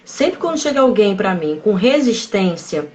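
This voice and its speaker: A woman psychologist explaining calmly in a live-stream conversation, measured and often checking in with tag questions. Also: mid-range voice. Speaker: psychologist guest.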